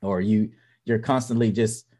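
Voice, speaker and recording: A man with a fairly low voice, co-hosting a casual podcast chat. He talks in a halting way, restarting sentences and searching for words as he goes. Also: steady tone, warm tone. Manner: halting, many restarts and fillers. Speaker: podcast co-host.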